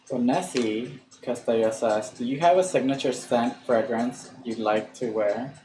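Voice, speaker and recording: A man's voice: mid-range voice, unhurried, warm tone. A man co-hosting a livestream, reading out viewer comments and questions. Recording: echoey room with faint noise.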